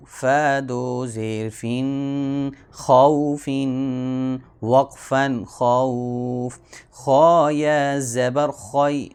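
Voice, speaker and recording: A man teaching a Quran reading lesson, explaining rules quickly, then spelling out letters and drawing syllables out slowly. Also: mid-range voice, a little mellow, clear, resonant tone. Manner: fast explanations, then slow drawn-out syllables.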